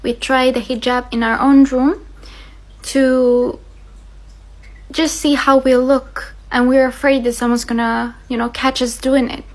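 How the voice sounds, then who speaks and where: A young Finnish vlogger talks earnestly and passionately to her viewers on camera, using frequent fillers. Her voice sits high, with a level tone and a measured pace.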